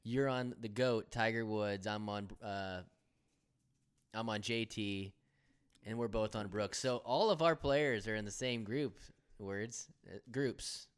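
A man's voice: fairly low pitch, slow, clean tone. A man co-hosting a podcast, bantering casually and profanely about golf picks and laughing often. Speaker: podcast co-host.

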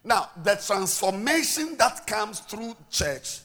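This pastor, who has a Ghanaian accent, preaches in a high-pitched, very animated voice while taking his time. Loud declarations give way to quiet asides, and he repeats words as he restarts.

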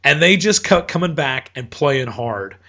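A man with a slightly high voice hosts a loose, rambling sports chat, often stopping to correct himself. He has the hiccups. The sound is dull and lo-fi. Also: very animated, a little slow, pushed and bright. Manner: rambling, self-correcting, chatty. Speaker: podcast host.

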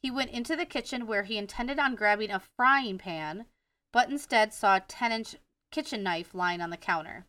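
A Wisconsin woman reads a case from her notes while co-hosting a casual true-crime podcast, now and then stumbling on names and laughing at herself. She has a medium pitch, a sharp tone and a normal speaking speed. The sound is echo-free but recorded from a distance.

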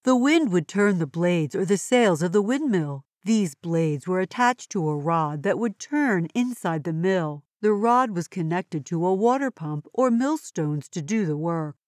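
Woman playing Gracie, a calm, sensible explainer girl. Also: lowish voice, no echo, studio quality. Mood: informative. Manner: measured, explanatory, articulate. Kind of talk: children's educational audio story.

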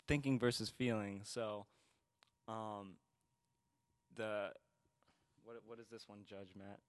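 A young man in a casual group chat, explaining things earnestly with halting restarts. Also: on the low side, steady tone, no room sound. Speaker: podcast co-host.

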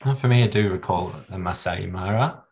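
A man's voice: low voice, a little fast, a little mellow, a little hiss or hum. A young man who is a medical student, hosting an interview with encouraging affirmations.

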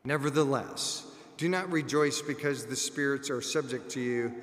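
A man's voice: mid-range voice, normal speed, a bit bright. A male priest addresses a congregation at Mass in a mid-range voice. His words ring through a large church, carrying a long, cathedral-like echo. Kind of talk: gospel reading and homily.

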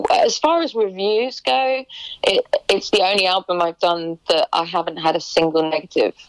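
A woman's voice: on the low side, moderate pace, dry recording, rough recording. A young woman musician chatting in an interview, hesitant, with many restarts and ums. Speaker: musician guest. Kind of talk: casual interview chat.

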